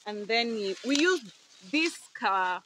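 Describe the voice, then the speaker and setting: A woman's voice: on the high side, lively intonation, slow. A young woman explaining step by step in a cheerful, casual vlog chat outdoors on a farm, picked up by the vlogger's phone. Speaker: guest. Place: outdoors on a rural maize farm. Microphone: vlogger's phone camera. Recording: outdoor farm noise behind.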